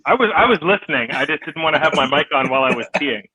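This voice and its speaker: Bright-voiced joking male player. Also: fairly high pitch, animated, quick pace, breathy edge, no room sound, rough recording. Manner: joking, playful. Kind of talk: casual tabletop play.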